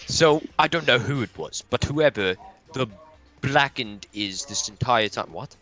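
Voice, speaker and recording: A mischievous male bear headmaster, read by a man in a fan reading. He speaks in a middle-pitched, smug and teasing way, tossing in bro at the ends of lines. Faint music plays behind him. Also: lively intonation, measured pace, fairly bright tone.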